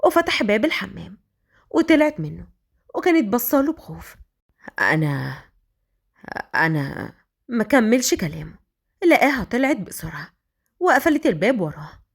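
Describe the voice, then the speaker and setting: A woman with an Egyptian accent narrating a romance story in a brisk, dramatic manner. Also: a little high, big pitch swings, creaky, husky. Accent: Egyptian Arabic.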